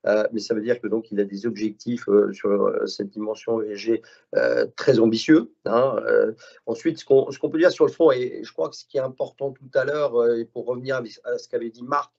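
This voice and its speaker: A man on a conference panel describing his investment fund in a measured way, with fillers and tag words. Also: mid-range voice, fairly even intonation, vocal fry, darkish tone. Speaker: asset management director. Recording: dull lo-fi sound.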